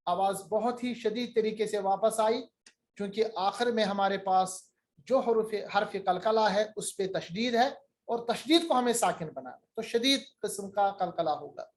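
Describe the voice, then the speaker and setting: A man teaching Quranic recitation, stretching out chanted example words and repeating them patiently for his students. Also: high-pitched.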